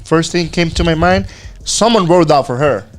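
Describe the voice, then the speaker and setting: Young male co-host, somewhat high voice, blunt and playful, light music under. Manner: playful, blunt opinions, quick asides. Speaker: podcast co-host. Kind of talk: casual chat.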